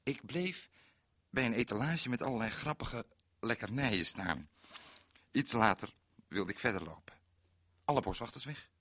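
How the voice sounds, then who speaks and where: A man's voice: mid-range voice, lively intonation, moderate pace, pauses often, pushed and bright, no echo, studio quality. An actor playing a naive, bumbling male forest ranger in a radio comedy monologue, with fussy, odd exclamations. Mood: bemused. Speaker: comic storyteller.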